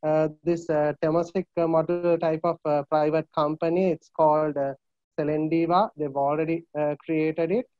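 A man with a Sri Lankan English accent, an analyst on a video call panel, speaking haltingly with many filler sounds. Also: a little high, little pitch movement, darkish tone, no echo. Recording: muffled video call audio.

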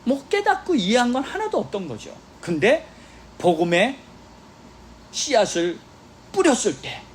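A man's voice: extremely high pitch, measured pace, slight background noise. A male pastor preaching a sermon, telling stories with quoted dialogue and calling for responses from the congregation. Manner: animated storytelling preacher with exclamations and quoted dialogue. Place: church sanctuary.

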